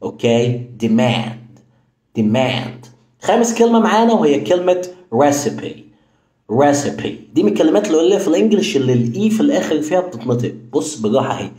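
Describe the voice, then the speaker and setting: Brief: lively young Egyptian man, English tutor, mellow voice, roomy echo. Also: on the high side. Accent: Egyptian Arabic. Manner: lively, slows right down to model English words. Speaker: English teacher. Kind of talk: casual video lesson.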